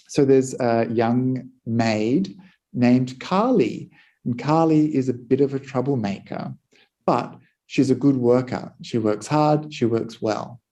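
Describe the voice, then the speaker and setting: A Buddhist monk giving a dharma talk, telling a teaching story in a calm way. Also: male voice, medium pitch.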